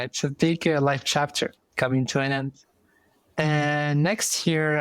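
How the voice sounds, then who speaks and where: A man's voice: medium pitch, dry recording. A man in his thirties from Morocco with a Moroccan accent, a guest talking through his story thoughtfully with many fillers and restarts. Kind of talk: casual interview.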